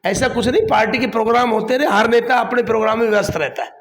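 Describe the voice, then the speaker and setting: A man's voice: very high voice, fairly even intonation, fast talker, vocal fry, a bit bright, slight background noise. A man, a district council chief answering a political interview defensively and repeating his points.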